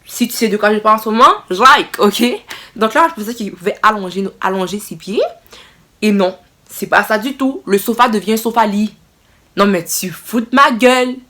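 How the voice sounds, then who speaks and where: A young woman telling a casual storytime to her viewers, expressive and exclaiming as she retells the scene. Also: mid-range voice, fairly quick. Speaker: vlogger.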